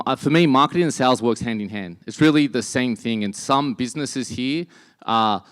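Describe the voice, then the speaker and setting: A man's voice: medium pitch, smooth. Australian man giving a chatty conference talk. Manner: casual, chatty, many fillers and restarts. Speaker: speaker. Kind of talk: conference talk to a live audience. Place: event venue.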